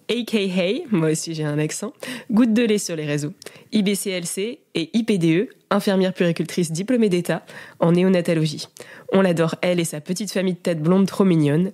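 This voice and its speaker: A woman's voice: lowish voice, mellow. A woman co-hosting a podcast, a pharmacist, reading a scripted intro and then chatting in a friendly, upbeat way.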